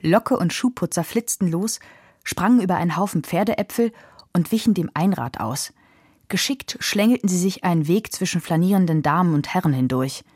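A woman narrating a children's audiobook in a calm storytelling voice. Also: on the low side, normal speed, breathy edge, dry recording, studio quality.

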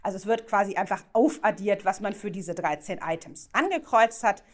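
A woman's voice: mid-range voice, lively intonation, a little fast. A woman lecturing to students, explaining ideas step by step, asking rhetorical questions and checking in with short tag questions and fillers. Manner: many "ja?" check-ins and "ähm" fillers. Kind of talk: university lecture.

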